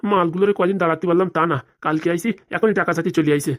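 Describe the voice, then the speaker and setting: Woman as a stingy old cartoon husband, low and rapid, complaining. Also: natural voice. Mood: grumbling. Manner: grumbling and complaining. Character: old male husband, grumbling, stingy, timid.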